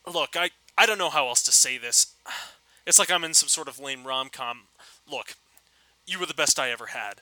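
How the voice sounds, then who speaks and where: A man reading the lines of a lovelorn man who haltingly confesses his feelings to an old flame. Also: mid-range voice, lively intonation, pushed and bright, slight background noise, low-quality recording. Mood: pleading.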